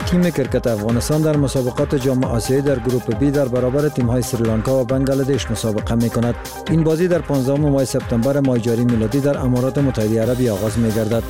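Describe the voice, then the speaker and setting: A man's voice: medium pitch, fairly even intonation, music in the background. A man with an Afghan accent reading scripted sports news.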